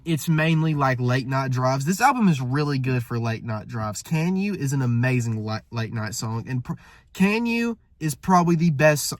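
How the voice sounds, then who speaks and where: Stuffy-nosed guy reviewing an album, kinda high voice, super dry no room sound, rambles and corrects himself a lot. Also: dry recording. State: congested, nasal from a coming cold. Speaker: music reviewer. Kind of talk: casual spoken album review.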